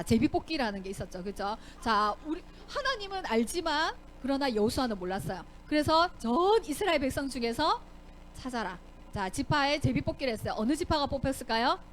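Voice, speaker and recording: A young woman tells a Bible story to a children's Sunday school class. Her voice sits high and swoops widely up and down. She keeps asking the children questions and acts out the characters' lines herself. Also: a little hiss or hum.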